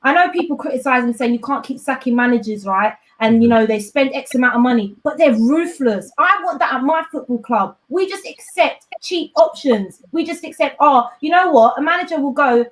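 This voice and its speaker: A woman football pundit in casual panel chat, exasperated and animated, laughing often. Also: high-pitched, normal speed, hardly any pauses, low-quality recording.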